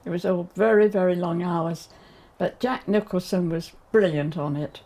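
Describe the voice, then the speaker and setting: A woman with a lowish, mellow voice recalls a film shoot in an interview. She talks with animation and often leaves a sentence unfinished. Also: moderate pace. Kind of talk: interview recollection.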